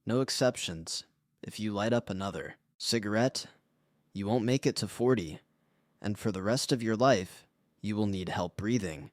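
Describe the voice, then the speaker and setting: A man reading the part of a stern male lung doctor delivering a hard verdict in a firm, final tone. The voice sits low, and the sound is close and dry, with no room around it. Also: normal speed, no echo, lightly acted. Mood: grave.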